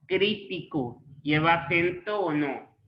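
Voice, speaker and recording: Slow, patient teacher explaining. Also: male voice, a little high, slight background noise. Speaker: Spanish teacher. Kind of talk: online class explanation. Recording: echoey room, dull lo-fi sound.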